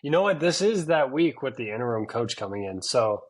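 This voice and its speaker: A man's voice: mid-range voice, big pitch swings, fairly quick. A man co-hosting a casual sports podcast, skeptical and exasperated, swearing casually. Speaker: podcast co-host.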